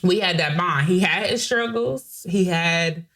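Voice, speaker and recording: A woman's voice: on the low side, measured pace, a bit bright. Candid woman sharing a personal story. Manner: candid, emotional, restarts often, occasional swearing. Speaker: podcast co-host.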